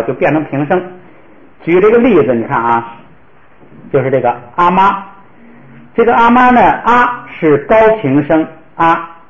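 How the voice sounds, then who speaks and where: A male language teacher, lecturing a class patiently and step by step, with many fillers. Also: sits high. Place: classroom with students. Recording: roomy, dull lo-fi classroom recording.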